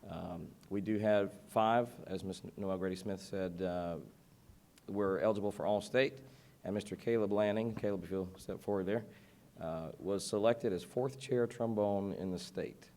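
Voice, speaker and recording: Low, dark-voiced band director. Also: male voice. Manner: halting, many fillers. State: losing his voice. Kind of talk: speaking at a board meeting.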